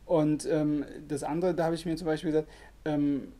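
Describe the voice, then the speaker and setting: A man's voice: on the high side, flat delivery, normal speed, mellow. A man hosting a videocast, asking questions and reacting with enthusiasm, with frequent fillers. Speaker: videocast host. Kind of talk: interview chat.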